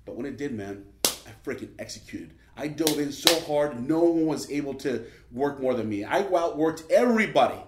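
A man tells his own story as a motivational speech, leaning hard on each point and often adding "man". His voice sits at an ordinary middle pitch. It echoes around a roomy space. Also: lively intonation, normal speed, noisy background. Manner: emphatic, often adds "man". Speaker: motivational speaker. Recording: roomy echo.

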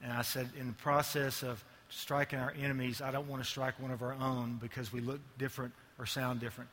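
A man's voice: medium pitch, little pitch movement, fairly quick, fairly bright tone, big-room sound, slight background noise. A male ad agency executive giving a conference keynote, full of joking, self-mocking asides.

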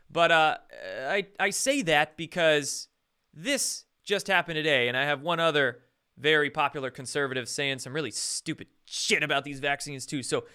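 A man's voice: on the high side, sharp tone, smooth. A male host doing live-stream commentary, ranting with sarcasm and frequent swearing.

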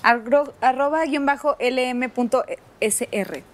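A high-voiced Mexican woman chatting casually as a guest. She is slangy and giggly, and she leans on filler phrases all the time. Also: unhurried. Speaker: actress guest. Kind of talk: casual chat.

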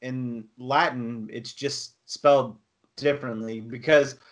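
A man's voice: mid-range voice, fairly even intonation, slow. A man in casual chat, rambling as he explains, with lots of restarts and fillers.

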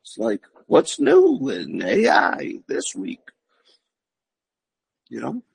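Gravelly, husky slow-talking man. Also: medium pitch, wildly swooping pitch, no echo, poor audio. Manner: slow, rambling and folksy. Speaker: podcast co-host. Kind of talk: casual chat.

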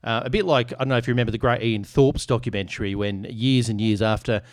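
Man, podcast host, joking, casual chat, mid pitch, dry close mic. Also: steady tone, fast talker, no room sound. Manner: joking, irreverent.

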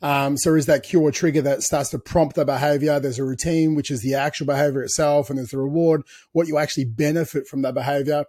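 Husky-voiced man explaining. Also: fairly high pitch, steady tone, fast, hardly any pauses, warm tone, dry recording, clean studio sound. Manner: explains at length, with restarts and "you know" asides. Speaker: podcast co-host. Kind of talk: casual podcast chat.

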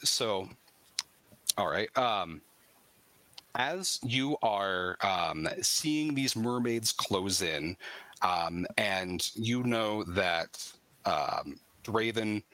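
A man running a tabletop game, voice low and bright, with a dry close sound. He narrates haltingly, peppered with ums and uhs. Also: no room sound. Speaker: game master.

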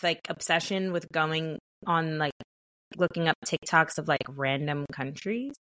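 A woman co-hosting a podcast in casual chat, animated and playful, often laughing. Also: low-pitched, a little slow. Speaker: podcast co-host.

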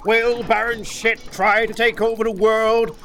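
A man plays a mock-dramatic cliffhanger announcer for a comedy sketch. The voice is high and bright, with faint noise behind it. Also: level tone, a little slow.

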